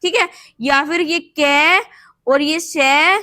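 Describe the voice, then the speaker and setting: A woman's voice: sits high, slow pace, bright, forceful tone, no echo. A woman teaching a shorthand class, patiently explaining each step as she writes and checking in with the class as she goes. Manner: patient, repeats steps with "thik hai" checks. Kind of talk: explaining while writing on a board.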